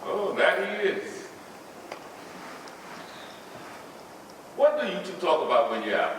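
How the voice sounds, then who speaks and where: An actor playing a protective grandfather on a theater stage, gruff and guarded, heard from a distant mic. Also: high voice, sing-song, a little fast, a little hiss or hum. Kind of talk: live stage drama. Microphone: distant room mic. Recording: echoey hall from far off.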